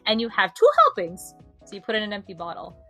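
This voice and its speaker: A woman streamer talks through a game's story in a loose, animated way, with lots of likes and ums. Her voice is bright. Faint music plays behind her. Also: mid-range voice, a little fast. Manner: animated storytelling with many fillers and laughs. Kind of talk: casual chat.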